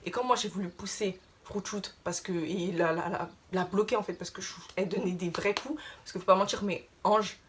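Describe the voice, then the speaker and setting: A young adult woman casually telling a story to her viewers, chatty and animated, piling on filler tags as she retells what happened. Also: medium pitch, moderate pace, hardly any pauses, slight background noise. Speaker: vlogger.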